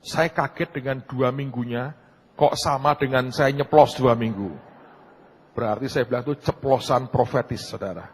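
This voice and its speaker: A man's voice: mid-range voice, moderate pace, breathy edge. A middle-aged man preaching as pastor, telling a story in a conversational, joking way and often turning to the congregation. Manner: mixes humor into preaching. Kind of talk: sermon.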